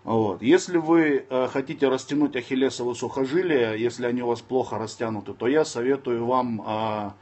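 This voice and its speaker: This Dagestani man in his thirties talks briskly with few pauses, his voice mid-range, while he sits in a room fielding questions on a relaxed livestream. His phone camera is up close, and he curses openly, turning on trolls between bits of calm, blunt advice.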